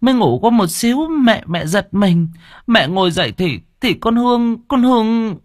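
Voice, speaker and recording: A man's voice: fairly high pitch, very animated, moderate pace, darkish tone, breathy edge, no echo, studio quality, voice pushed up, heavily acted. A man voicing an anxious middle-aged mother, choked and stammering, in an audiobook. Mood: frantic.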